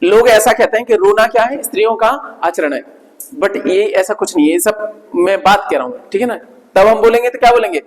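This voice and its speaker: A man teaching English vocabulary in Hindi, drilling pronunciation and checking in with his class again and again. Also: high-pitched. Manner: repetitive, drills words, checks in with "ठीक है ना"; slow, drawn-out spelling of sounds. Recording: long hall reverb.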